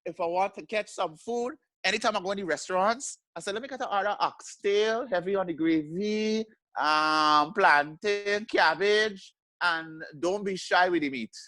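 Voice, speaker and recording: A man's voice: lively intonation, normal speed, bright, forceful tone, no echo, exaggerated voice. A man voicing a chatty Guyanese customer with a Guyanese accent, ordering food with relish. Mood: playful. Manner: high, sing-song, ordering food with relish.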